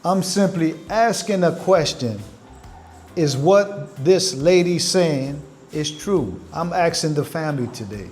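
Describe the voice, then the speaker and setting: A high-voiced, earnest channel host from the Caribbean livestreams to viewers he treats as family, speaking expressively and slowly as he weighs each phrase. Soft music plays quietly behind him.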